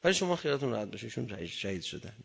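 A man preaching a religious sermon, shifting between hushed murmurs and loud impassioned cries. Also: on the low side, very animated, vocal fry, slightly rough, in a large hall.

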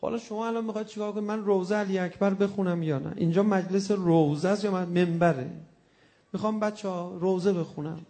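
A male preacher giving a religious sermon to a congregation, moving from hushed, tender storytelling to loud, impassioned cries. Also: high-pitched, fairly even intonation. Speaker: preacher reciting a mourning lament.

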